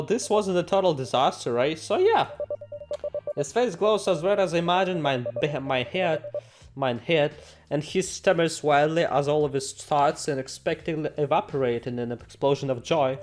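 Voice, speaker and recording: A gaming video host with a slightly high voice plays through a let's play at moderate pace, reading game text aloud theatrically and playfully. He exclaims and jokes to himself, with game music playing behind him.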